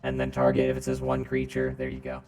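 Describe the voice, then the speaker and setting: Male game master speaking through a robot voice filter; extremely low and droning, easygoing, teases players. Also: quick pace. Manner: relaxed, teasing rules explanations. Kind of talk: running a tabletop game over voice chat.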